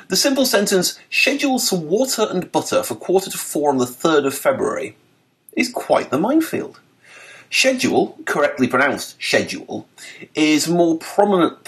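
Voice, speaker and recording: A man in his forties with a Mancunian accent, reading his own article aloud as scripted narration with wry, dry humour. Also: medium pitch. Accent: Mancunian English. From north of England.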